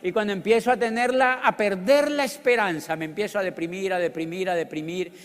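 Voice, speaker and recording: Middle-aged Colombian man, high-pitched, animated, joking motivational speaker in a reverberant hall. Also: brisk. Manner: animated, joking, bursts into loud exclamations. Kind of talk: storytelling business talk.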